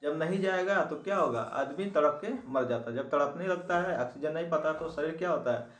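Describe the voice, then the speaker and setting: A man's voice: a little high, a little fast, recorded from a distance. A man teaching an exam-prep biology lesson, repeating key terms and asking the listener questions. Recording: echoey room, voice from off-mic.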